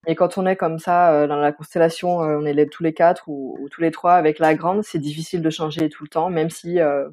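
A woman's voice: deep voice, steady tone, fairly quick, few pauses, mellow. A woman in her thirties, a guest chatting casually in an interview, hesitant with many fillers and restarts.

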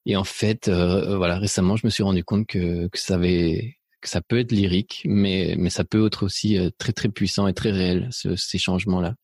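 A middle-aged man from Spain talks about his life as an interview guest, hesitant and prone to fillers and restarts, with a mixed French, slightly Belgian accent. His voice sits low and a little mellow, with fairly even intonation, normal speed, and few pauses, recorded in a studio with no room sound.

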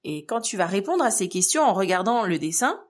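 A woman's voice: medium pitch, very animated, brisk. Young french woman doing a solo podcast, medium voice, talks loose with lots of "euh". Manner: conversational, many fillers and restarts. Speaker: podcast host.

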